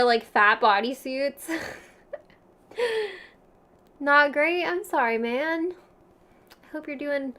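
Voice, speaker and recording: A woman's voice: high voice, a bit bright. A young woman with a Valley Girl accent chatting casually as a livestream host, giggly and slangy, peppering her talk with "like". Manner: frequent "like" filler, slangy; giggly, laughs often between phrases.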